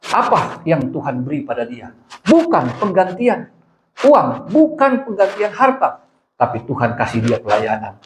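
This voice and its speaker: A man's voice: medium pitch, darkish tone, a little hiss or hum. Emphatic male pastor in echoey church. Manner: emphatic storytelling preacher. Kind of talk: sermon. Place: church hall.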